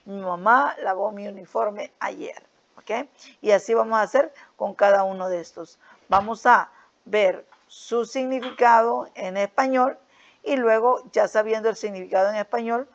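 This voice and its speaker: A woman teacher patiently walking students through a worksheet, often checking in with little tag questions and sounding out English words slowly. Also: medium pitch, gravelly, dull audio. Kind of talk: recorded lesson explaining a worksheet.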